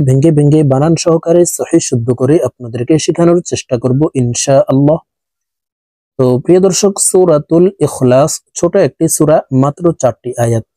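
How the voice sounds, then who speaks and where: A man teaching Quran recitation, spelling out letters and vowel marks one by one, then chanting the words slowly, with brisk explanations in between. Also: fairly high pitch, dark tone, dry recording. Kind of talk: slow spelled-out recitation lesson.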